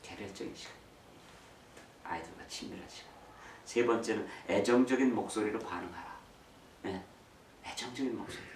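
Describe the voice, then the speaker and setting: A middle-aged man giving a church talk on raising children, telling lively stories, acting out quotes and mixing in English phrases. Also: lowish voice, a little fast, long pauses, background noise. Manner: lively storytelling, acts out quotes. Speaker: speaker on parenting. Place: church hall. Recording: roomy echo from far mic, faint ambience.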